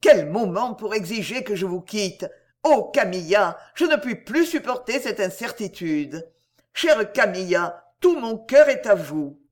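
Woman reading as an ardent young gentleman. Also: medium pitch, very animated, measured pace. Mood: ardent, pleading. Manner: pleading, impassioned. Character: earnest lovesick young gentleman.

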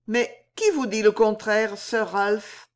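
A man's voice: high voice, slow pace, voice pushed up. Man putting on a sad, proud young woman. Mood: sad, ironic. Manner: gentle reproach turning sharp.

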